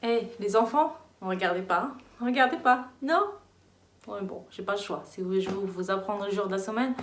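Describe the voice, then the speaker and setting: A young woman, giving a children's lesson in a playful, animated, encouraging way. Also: mid-range voice, normal speed. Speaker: teacher. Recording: echoey room.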